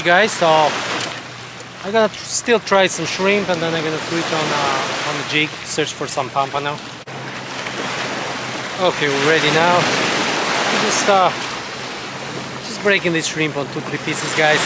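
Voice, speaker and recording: A middle-aged man narrates his fishing vlog in a fairly high, chatty voice, calling his viewers "guys." He is recorded outdoors on a seaside jetty by a chest-mounted action camera, and loud surf and wind roar behind him. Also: measured pace, long pauses. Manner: chatty, addresses viewers as guys, excited when a fish bites. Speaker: fishing vlogger. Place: rocky jetty on a beach by the sea, outdoors. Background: loud waves and wind.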